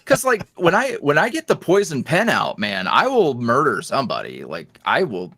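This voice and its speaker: A man who makes ASMR roleplays chats loosely and animatedly as a guest in a casual interview, often trailing off, restarting and laughing between thoughts. His husky voice is medium-pitched at normal speed, recorded in studio quality with no room sound.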